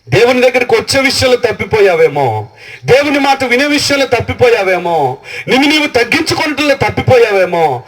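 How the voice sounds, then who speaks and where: A man delivers a revival sermon at an open-air village meeting, his voice set high for a man. He builds repeated phrases and throws rhetorical questions at the crowd. The mic sits far from him, so he sounds distant. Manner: rising, repetitive preaching cadence with rhetorical questions. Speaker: preacher.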